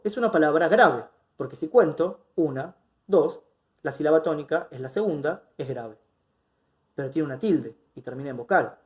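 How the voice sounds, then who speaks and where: A man teaching an online grammar lesson, explaining step by step and often checking in with his students. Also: fairly high pitch. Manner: patient, explanatory, checks in with students with rhetorical questions. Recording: dull lo-fi recording.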